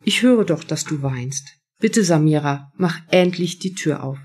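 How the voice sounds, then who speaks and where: Give me a soft, pleading, loving mother, read by a woman with a husky voice. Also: low voice, animated, measured pace, heavily acted. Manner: gentle, pleading. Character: worried, loving middle-aged mother.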